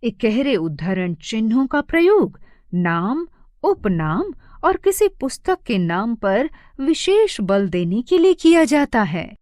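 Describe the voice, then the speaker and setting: A woman narrating an animated grammar lesson for children as a teacher, speaking expressively and stressing each example sentence. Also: on the high side, slow pace, no room sound, studio quality.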